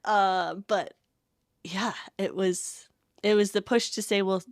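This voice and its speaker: This podcast guest is a Connecticut woman in her thirties who does campus ministry work and relaxedly recounts her own experiences in an interview. She speaks slowly in a mid-range voice with fairly even intonation. The sound is clean studio audio without echo.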